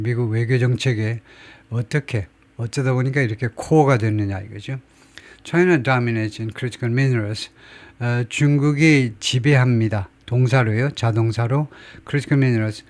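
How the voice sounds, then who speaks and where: A middle-aged man teaching advanced English, reading a newspaper headline slowly in English and explaining it phrase by phrase in Korean with many fillers. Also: mid-range voice, darkish tone. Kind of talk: line-by-line news article lesson.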